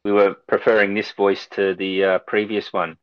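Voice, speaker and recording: A man's voice: lowish voice, little pitch movement, normal speed, clean tone, no echo, dull audio. A middle-aged man hosting a casual podcast chat in an informal way. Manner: informal, says mate. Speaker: podcast host.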